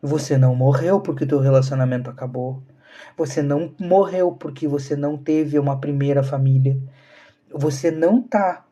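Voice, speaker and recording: On his live stream, a spiritual channel host from southern Brazil, in his 30s, asks his viewers rhetorical questions with earnest sincerity. He has a mellow voice that sits on the high side.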